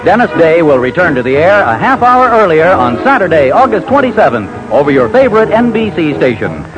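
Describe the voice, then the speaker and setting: A man's voice: fairly high pitch, sing-song, fairly quick. A man reading a scripted radio announcement in a polished, emphatic announcer's manner, heard from an old broadcast disc transcription. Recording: dull lo-fi old radio transcription with music behind. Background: music.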